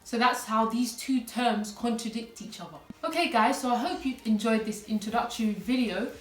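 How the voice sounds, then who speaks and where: A woman English teacher explains her lesson clearly and patiently, one step at a time. Her voice sits somewhat high. She is recorded a little away from the microphone in a room with noticeable echo. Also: normal speed, recorded from a distance, soft background music. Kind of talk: online lesson. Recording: echoey room, voice a little off-mic.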